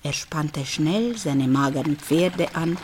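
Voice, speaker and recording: Animated woman reading a fairy tale. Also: sits low, slow, slight background noise. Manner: expressive, animated storytelling. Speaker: storyteller.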